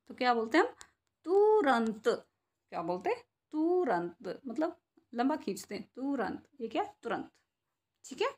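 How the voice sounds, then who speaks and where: A woman teaching a Hindi reading lesson to young children, slowly sounding out syllables and asking and answering her own questions. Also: fairly high pitch, husky. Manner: slow, drawn-out syllables when sounding out words.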